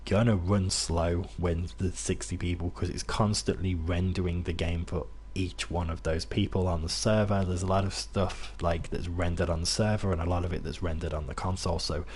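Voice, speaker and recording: Low and darkish, his voice comes out flat at an ordinary pace with few pauses, over a little hiss or hum. He's a young British gamer from near Birmingham whose mixed accent isn't Brummie, and he chats loosely to his audience while playing, rambling through fillers and false starts.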